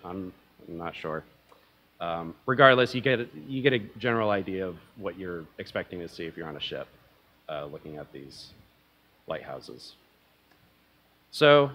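A young man speaks from a lectern at a conference, his voice sitting a little low. He talks casually and a bit self-deprecatingly, with plenty of ums and uhs as he explains his slides. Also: fairly bright tone. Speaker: conference presenter. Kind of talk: academic conference talk.

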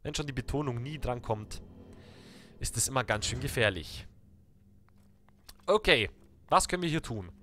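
A young man with a German accent, chatting excitedly to viewers while playing a video game. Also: mid-range voice, moderate pace, long pauses, slight background noise. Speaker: let's play gamer. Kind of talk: live game commentary.

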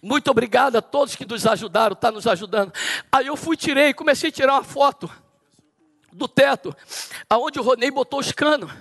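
A man pastor from Brazil leading a Bible study in a church, preaching with rising shouts and prophetic declarations. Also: extremely high pitch, fairly quick, creaky. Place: church hall.

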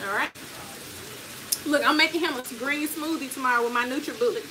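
High-voiced chatty woman, noisy kitchen. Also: brisk. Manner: teasing, chatty. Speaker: cooking vlog co-host. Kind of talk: casual chat. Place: home kitchen with frying food. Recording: noticeable background noise.

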